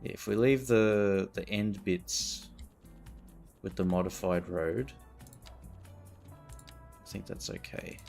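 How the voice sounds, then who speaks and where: Slow, gravelly-voiced man streamer. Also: low-pitched, a little mellow, faint music behind. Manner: laid-back, self-mocking, chuckling. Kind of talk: casual chat while playing a game.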